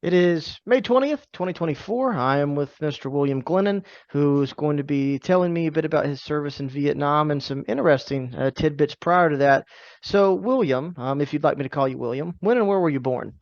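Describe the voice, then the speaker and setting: A man's voice: fairly high pitch, expressive, a little fast, no room sound. A man opening an oral history interview and asking polite questions. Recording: dull dry sound.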